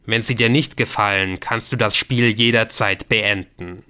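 A man voicing a mysterious computer game that speaks in slow, loud, solemn pronouncements. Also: fairly low pitch, steady tone, clear, resonant tone. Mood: solemn commanding.

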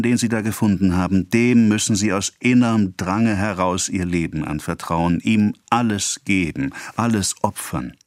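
A man doing a hushed brooding seducer. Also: dry recording, clean studio sound, lightly acted. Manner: low, hushed and intimate. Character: smooth-talking male seducer, brooding. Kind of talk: audiobook reading.

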